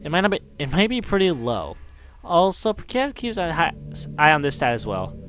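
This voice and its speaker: A man's voice: on the high side, sing-song, moderate pace, fairly bright tone, soft background music. A man reading a fan fiction story aloud, stumbling over words, laughing at his slips and throwing in swearing asides.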